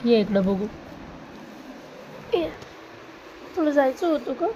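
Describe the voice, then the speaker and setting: A woman gently coaxing and questioning a small child at home. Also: a little high, measured pace, a little hiss or hum, rough recording. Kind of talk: talking softly to a small child.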